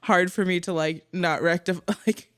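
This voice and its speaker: A man's voice: sits high, steady tone, moderate pace, a bit bright, smooth, no echo, clean studio sound. A young man co-hosting a podcast, chatting casually in a rambling way, full of "like". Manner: rambling, filler-heavy with "like", laughs easily. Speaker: podcast co-host.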